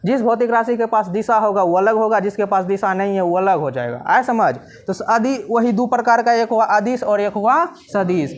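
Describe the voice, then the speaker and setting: A man's voice: high voice, moderate pace, hardly any pauses. A male physics teacher, giving a classroom lecture and often asking the students if they have understood. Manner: repeats questions to students, casual teasing checks.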